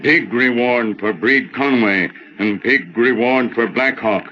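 Slow, halting Tonto, stoic sidekick. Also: male voice, mid-range voice, bright, forceful tone, slight background noise. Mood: deliberate. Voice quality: halting, clipped speech in broken English. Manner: slow, deliberate stalling. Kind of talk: 1940s Western radio acting. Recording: dull old-time radio recording.

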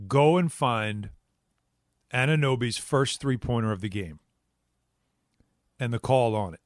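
A middle-aged man in his fifties chatting casually as a sports talk radio host, with animated, emphatic delivery. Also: medium pitch, a little slow, dry recording, studio quality. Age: 50s.

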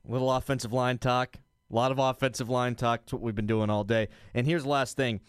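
A male podcast host chats casually about sports. His voice is clear and smooth at a medium pitch, with a dry, close sound. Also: fairly even intonation, brisk, dry recording.

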